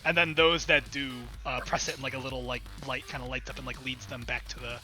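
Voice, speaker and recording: A man's voice: mid-range voice, flat delivery, fast, pushed and bright, faint music behind. A man narrating as game master in a rambling, filler-heavy way.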